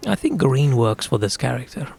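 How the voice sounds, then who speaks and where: Gravelly man chatting over his game. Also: medium pitch, moderate pace. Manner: relaxed, chatty, thinking aloud. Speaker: streamer. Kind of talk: casual gaming commentary.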